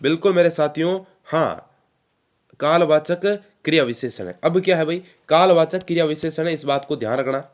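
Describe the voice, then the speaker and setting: A man teaching an online exam-prep class, energetic, quizzing the students and answering his own questions with lots of praise. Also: fairly high pitch, normal speed. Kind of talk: live online quiz class.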